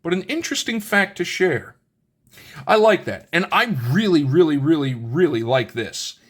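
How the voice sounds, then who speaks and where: A man's voice: on the high side, moderate pace, breathy edge. A man hosting his own channel, casually thinking aloud as he reads through a card game's rules and lays out the pieces. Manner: thinks aloud while reading rules, with many restarts and asides. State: has the hiccups. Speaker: channel host reviewing a card game. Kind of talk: casual unboxing commentary.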